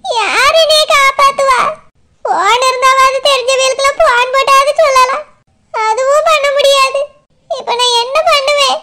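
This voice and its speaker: A woman's voice: extremely high pitch, moderate pace, sharp tone. A woman voicing a middle-aged village mother, locked in jail, who sobs and pleads with a Tirunelveli Tamil accent. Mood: lamenting. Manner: wailing, pleading, sobbing. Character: jailed village mother, middle-aged, sobbing, self-pitying. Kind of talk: cartoon voice acting.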